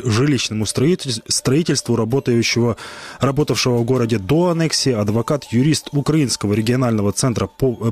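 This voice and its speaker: A man's voice: mid-range voice, a little mellow. A man presenting news live as a radio host in a studio.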